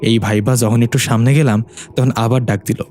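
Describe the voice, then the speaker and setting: A humble young petty thief, voiced by a man, nervously recounting a frightening tale. The tone is mellow and warm, with faint music underneath in this storybook reading. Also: mid-range voice, fairly even intonation, a little fast, natural voice. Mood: fearful retelling. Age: 20s.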